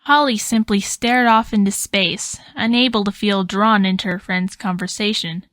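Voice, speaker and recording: A woman narrating a storybook tale in an expressive, dramatic way. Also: mid-range voice, moderate pace, dry recording.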